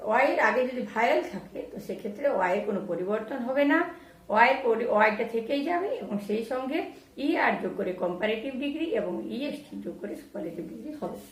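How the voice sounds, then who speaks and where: A woman teaching English grammar in Bengali, spelling out words letter by letter and repeating examples slowly. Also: fairly high pitch, recorded from a distance. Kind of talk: explaining grammar rules to students. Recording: very echoey room, voice off-mic.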